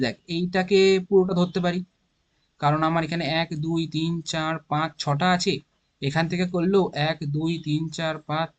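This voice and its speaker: A chemistry teacher with a Bengali accent gives an informal classroom lesson on organic chemistry naming, thinking aloud and counting carbon atoms step by step. His voice sits high, and the audio is dull.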